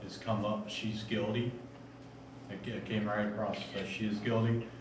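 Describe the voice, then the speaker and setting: A man with a fairly low voice recounts things casually, like a ghost hunter comparing notes. He sounds far from the microphone in a hugely reverberant, noisy room. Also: little pitch movement, normal speed. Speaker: paranormal investigator. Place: large indoor bowling alley. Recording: very echoey, distant, noisy.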